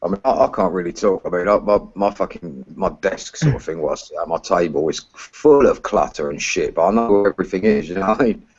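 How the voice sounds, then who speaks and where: A man around forty with a lowish voice, chatting casually with mates. His talk is slangy and sweary, and it comes through a dull, lo-fi online voice chat. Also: lively intonation, fast talker, hardly any pauses, darkish tone, husky. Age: about 40.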